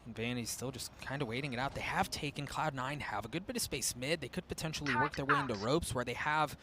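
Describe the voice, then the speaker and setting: A man calling a live esports match as play-by-play commentator, excitable, building from tense quiet to shouts at big plays. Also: mid-range voice, quick pace, noisy background.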